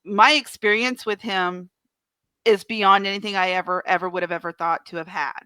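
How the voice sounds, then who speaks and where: A woman's voice: mid-range voice, steady tone, normal speed, sharp tone, smooth, dry recording. A woman co-hosting a casual chat, talking in a chatty, eager way. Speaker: co-host.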